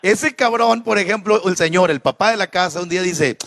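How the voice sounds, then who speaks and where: A man's voice: high-pitched, brisk, gravelly, a bit bright. A man with a Mexican accent telling a comedy monologue, talking straight to the audience and often adding tag questions. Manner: chatty, addresses the audience directly with frequent tag questions.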